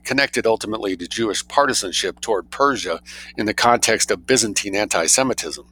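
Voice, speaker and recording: Low, bright-voiced man reading as if dictating. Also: low-quality recording. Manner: dictating, speaks quote marks, citations and spellings aloud. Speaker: narrator reading a scholarly book aloud. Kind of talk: reading a scholarly text aloud.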